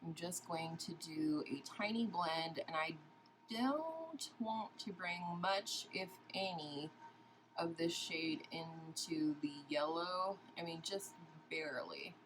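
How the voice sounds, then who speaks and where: A woman's voice: lowish voice, expressive, takes it slowly, noisy background. A woman beauty vlogger chatting casually while doing a makeup tutorial and asking viewers questions.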